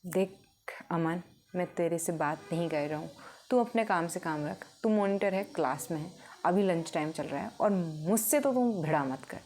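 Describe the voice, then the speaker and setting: A woman's voice: lowish voice, expressive, moderate pace, darkish tone. A woman voicing a defiant schoolboy who curtly tells off a bully.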